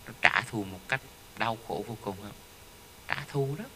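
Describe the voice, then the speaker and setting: Bright-voiced man teaching. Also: medium pitch, slight background noise. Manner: storytelling, with frequent rhetorical "right?" tags. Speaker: Buddhist teacher. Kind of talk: dharma talk.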